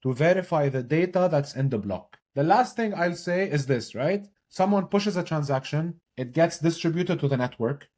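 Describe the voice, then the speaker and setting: A man's voice: a little high, normal speed, hardly any pauses. Lebanese-born man explaining things energetically. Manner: energetic, explains with repeated "right?" check-ins. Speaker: podcast guest, blockchain consultant. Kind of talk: casual explanatory interview talk.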